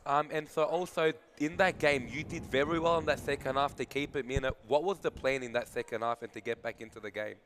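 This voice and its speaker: A man's voice: mid-range voice, steady tone, brisk, hardly any pauses, background noise. A man co-commentating a live match from the commentary box, eager and urging the players on.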